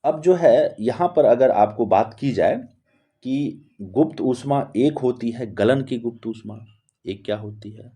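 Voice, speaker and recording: Slow husky male chemistry teacher. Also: mid-range voice, mellow. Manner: repeats key terms word by word, asks rhetorical questions. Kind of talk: classroom-style lesson explanation.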